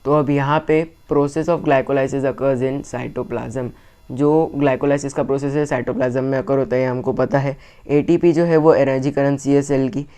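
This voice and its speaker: A man with an Indian accent teaching an exam revision lesson, reading each English line very slowly and then explaining it in quicker Hindi. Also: mid-range voice, steady tone, warm tone, clean tone.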